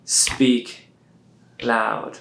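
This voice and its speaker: A man's voice: mid-range voice, flat delivery, drawn-out words, vocal fry, a bit bright, slight background noise. A man talking as a guest on a casual podcast, emphatic and repeating key words, often laughing. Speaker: podcast guest, business owner. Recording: roomy echoey room.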